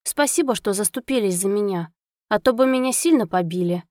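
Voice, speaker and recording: A woman's voice: mid-range voice, animated, a little fast, darkish tone, dry recording, clean studio sound, natural voice. A woman voicing a timid, polite young orphan boy who apologizes and pleads eagerly. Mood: pleading.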